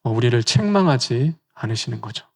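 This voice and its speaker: A man's voice: mid-range voice, lively intonation, a little fast, gravelly, breathy edge. A male pastor giving a sermon in a conversational way, often asking the congregation rhetorical questions.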